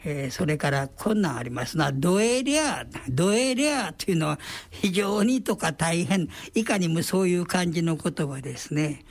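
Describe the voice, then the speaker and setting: An older man with a Kansai accent hosts a solo radio talk, reading listener letters aloud in an unhurried, genial, chatty way. His voice runs on the high side.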